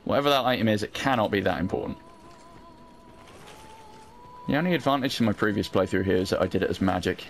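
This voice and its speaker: Low-voiced British man, dry gaming commentary. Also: rapid-fire. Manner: sweary, dry, wry understatement. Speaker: let's play host. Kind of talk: casual gameplay commentary. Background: video game sound.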